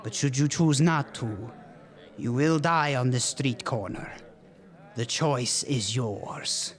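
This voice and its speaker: A man with a medium-pitched voice close to his everyday one speaks slowly, playing a courtly vampire father who is easily flustered and uses formal, stilted phrasing. The campy horror comedy scene has a grave, solemn mood.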